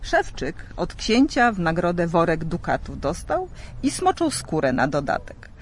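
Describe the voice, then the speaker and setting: A man narrating a legend as a lively, expressive storybook reading. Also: high voice, a little slow, a little hiss or hum.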